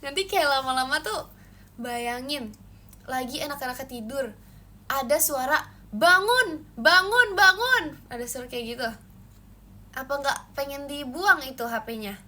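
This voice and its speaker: A woman's voice: moderate pace, pauses often, slight background noise. A young woman hosting a casual livestream, playfully chatting with viewers and answering their comments. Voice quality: says her own voice gets shrill when loud. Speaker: idol livestream host. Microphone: phone livestream.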